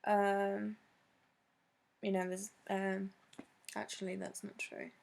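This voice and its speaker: Girl vlogging, slow, lots of ums, bit of vocal fry. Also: mid-range voice, flat delivery. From Britain. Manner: hesitant, many ums, laughs between answers. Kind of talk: casual chat answering questions.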